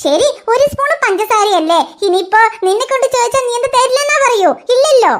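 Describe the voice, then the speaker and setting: A woman's voice: very high-pitched, expressive, brisk. A performer voicing a talkative neighbor mother in a cartoon, who rambles and chatters at length. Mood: chatty. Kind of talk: cartoon voice acting.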